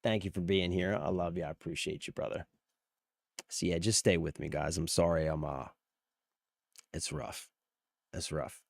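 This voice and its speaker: Deep-voiced and speaking at normal speed with vocal fry, a sick live streamer pauses often as he casually covers gaming news for viewers. His voice is strained from almost giving out, and the recording is dry, clean studio sound.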